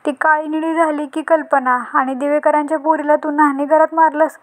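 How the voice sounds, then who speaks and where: A woman's voice: high-pitched, level tone, brisk, lightly acted. A woman reading the lines of a stern father who scolds his daughter. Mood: angry.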